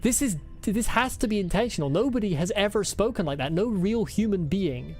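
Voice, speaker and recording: A woman's voice: mid-range voice, lively intonation, brisk, a little mellow. Female gamer: casual playthrough commentary, blunt and incredulous, repetitive emphasis, faint game music. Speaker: video game streamer.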